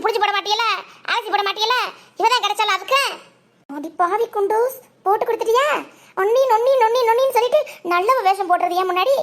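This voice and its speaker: A woman's voice: very high-pitched, a bit bright. A woman with a Tirunelveli accent, voicing a cartoon story and pleading and scolding by turns. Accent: Tirunelveli Tamil. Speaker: cartoon narrator and voice artist. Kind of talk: cartoon voice acting.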